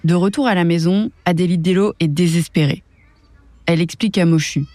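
A woman narrating a children's story in a lively storytelling voice. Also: on the low side, fairly quick, no echo, faint music behind.

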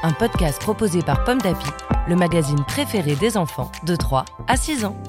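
A woman's voice: lowish voice, sing-song, moderate pace. Lady host doing the intro for a kids podcast, friendly, talking to the child, music under her. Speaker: podcast presenter.

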